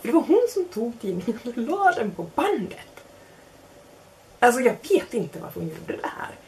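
Lively young woman telling a funny anecdote. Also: a little high, slight background noise. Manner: animated, self-mocking, acts out quotes. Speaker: storyteller. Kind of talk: casual spoken anecdote.

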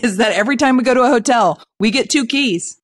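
A woman's voice: fairly high pitch, quick pace, crowd noise. A middle-aged woman, a guest on a podcast, chatting playfully over a video call from a home workshop. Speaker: guest, host's wife. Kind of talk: casual chat. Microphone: headphones on video call.

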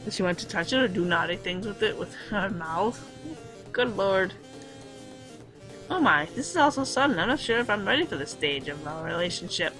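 A woman's voice: mid-range voice, expressive, moderate pace, music in the background, lightly acted, low-quality recording. A woman voicing a flustered, overeager teenage boy protagonist while reading a visual novel aloud, in a melodramatic inner-monologue manner.

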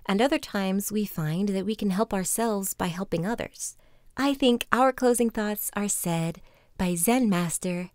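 A woman hosting a calm podcast, reading a folktale aloud in a soft, soothing way. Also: medium pitch, no echo, clean studio sound. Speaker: podcast host and storyteller.

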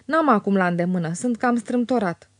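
Hoarse old miser guy, meek and mumbly, a little stammer, woman reading him. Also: mid-range voice, lively intonation, no echo, close to an everyday voice. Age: older. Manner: humble, hesitant, stammering. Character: stingy, servile old man, bald.

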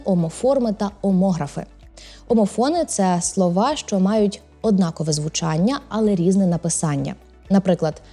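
A woman with a mellow, mid-pitched voice presents a language lesson, reading her scripted explanations in a clear, measured way. Faint music plays softly behind her. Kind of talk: scripted educational narration.

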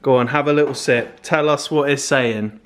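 A young man from England chats casually on a home vlog, joking and teasing as he holds the camera in his apartment living room. His mid-range voice stays steady at a moderate pace.

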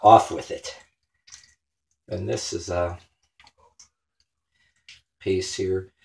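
A man with a lowish voice hosts a home cooking show, talking casually and crudely as he chops meat. He is in a small home kitchen, recorded by a camera mic on the counter. Knife and dish clatter fill the background. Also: fairly even intonation, drawn-out words, creaky. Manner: crude, joking, talks while chopping. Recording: clattering kitchen noise behind.

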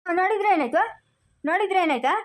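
A woman's voice: extremely high pitch, expressive, fast. A woman acting a son who argues for his wife in an amateur family drama, insistent and argumentative.

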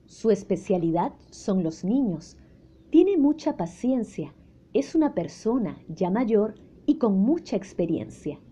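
A woman narrating a children's story in a slow, gentle, expressive way. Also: mid-range voice, slightly rough.

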